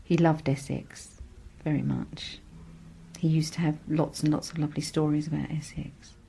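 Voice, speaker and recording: A woman's voice: sits low, level tone, moderate pace, gravelly, loud music behind the voice. A woman talking fondly and conversationally about local speech in an interview. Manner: fond, conversational. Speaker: oral history contributor. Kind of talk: chatty interview talk.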